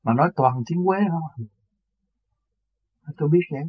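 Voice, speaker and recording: Older guy telling his story, husky voice, muffled lo-fi recording. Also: on the high side, unhurried. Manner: recounts events earnestly, acts out quoted voices. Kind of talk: personal storytelling. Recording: dull lo-fi recording.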